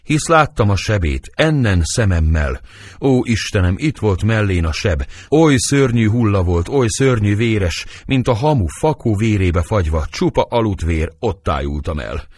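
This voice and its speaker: A man reading the part of an old nurse who laments loudly, in dramatic verse. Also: lowish voice, sing-song, breathy edge, dry recording, studio quality. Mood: lamenting. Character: old nurse, fussy and grieving woman.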